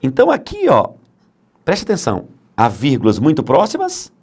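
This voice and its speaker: Lively, emphatic male grammar teacher. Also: on the high side, normal speed, breathy edge. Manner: emphatic, asks and answers his own questions. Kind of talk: grammar lecture for exam prep.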